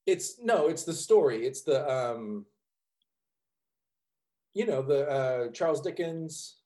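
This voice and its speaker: A man's voice: on the high side, expressive, slow, mellow. A man co-hosting a casual chat about a movie, rambling and laughing often, swearing casually. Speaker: podcast co-host. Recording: echoey room.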